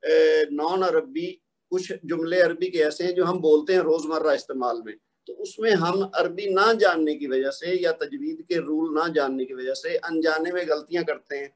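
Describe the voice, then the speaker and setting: High-voiced man teaching recitation. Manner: patient, explains with examples and questions. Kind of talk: explanatory lesson.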